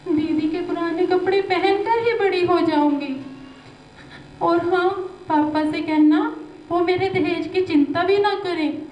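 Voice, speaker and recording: A woman's voice: very high voice, steady tone, unhurried, a little mellow. A woman playing an unborn baby girl who pleads with her mother in an amateur stage skit. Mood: pleading. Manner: pleading, tearful, partly sung. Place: live stage in a hall. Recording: echoey hall, distant, dull, faint hum.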